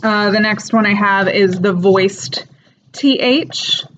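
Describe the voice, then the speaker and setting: A woman, an English teacher, giving a casual spoken lecture, explaining things in an unhurried way with frequent fillers. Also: mid-range voice, fairly bright tone. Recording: dull lo-fi recording with faint noise.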